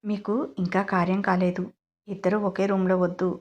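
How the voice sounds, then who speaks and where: A woman's voice: on the low side, level tone, moderate pace, close to an everyday voice. A woman voicing a fussy, strict old grandmother who scolds about rules. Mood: scolding.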